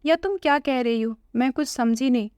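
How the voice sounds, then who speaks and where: A woman voicing a patient, hurt older mother-in-law who speaks in a gentle, pleading way. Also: sits high, normal speed, smooth, no echo, clean studio sound, lightly acted.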